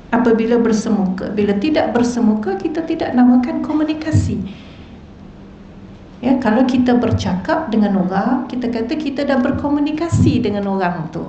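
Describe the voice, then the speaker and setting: A woman's voice: a little high, dark tone, a little hiss or hum. A woman religious teacher with a Malaysian Malay accent, giving a lecture in a mosque hall and asking the audience rhetorical questions. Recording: echoey hall, dull lo-fi sound.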